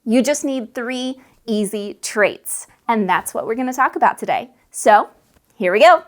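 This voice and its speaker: Brief: higher-pitched woman, friendly how-to host, talky and animated, tabletop game advice. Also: unhurried. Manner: chatty, animated, demonstrates voices by shifting pace and pitch. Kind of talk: casual how-to video talk.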